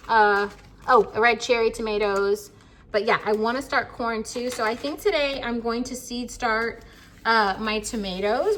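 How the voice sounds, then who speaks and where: A woman's voice: medium pitch, a bit bright, slight background noise. An American woman talking casually to camera as a gardening vlogger, chatty and rambling, with plenty of fillers.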